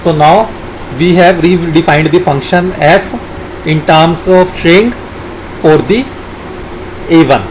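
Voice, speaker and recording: A man narrating a software tutorial as an instructor, haltingly dictating code and formulas piece by piece. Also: fairly high pitch, background noise.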